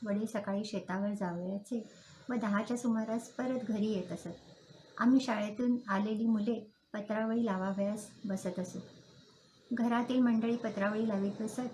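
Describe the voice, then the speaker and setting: A woman reading a classic story aloud with calm, measured narration. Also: a little high, a little hiss or hum, poor audio.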